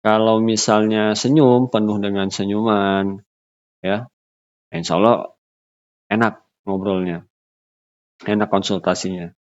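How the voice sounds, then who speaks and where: A man giving an unscripted lecture, pausing often with fillers and restarting his phrases. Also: on the low side, steady tone, lo-fi sound. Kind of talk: recorded lecture.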